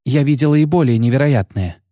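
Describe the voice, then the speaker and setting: A man's voice: mid-range voice, brisk, mellow, no echo, studio quality, pitched above the performer's own voice, lightly acted. A man voicing a defiant young woman warrior on the run. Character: young female fugitive warrior, defiant and quick.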